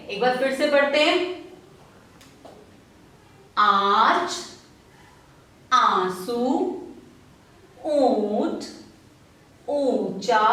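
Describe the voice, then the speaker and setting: Slow, echoey woman teacher. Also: a little high, distant mic. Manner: slow, drawn-out word reading with call-and-response questions. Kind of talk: online primary-school lesson. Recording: very echoey room, voice off-mic.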